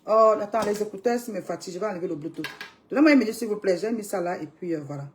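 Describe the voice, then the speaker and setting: A woman's voice: medium pitch, animated, very fast, a little mellow. A young woman commenting emphatically on a live stream, urging viewers to watch, with frequent cries to God. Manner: exclamatory, calling on God.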